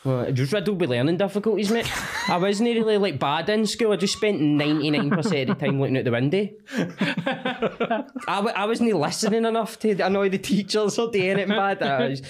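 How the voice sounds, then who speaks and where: A man with a Glasgow street accent and a slightly raised pitch. He chats casually as a comedian guest on a podcast. His talk is slangy, sweary and self-mocking. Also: expressive, a little fast, slight background noise. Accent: Glasgow-area Scottish, street. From Cumbernauld, Scotland. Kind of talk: casual comic chat.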